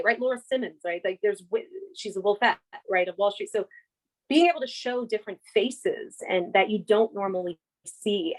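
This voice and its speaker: A woman's voice: medium pitch, rough recording. A woman speaking as a guest on a podcast, enthusiastic and conversational, often repeating words and restarting. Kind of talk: conversational interview.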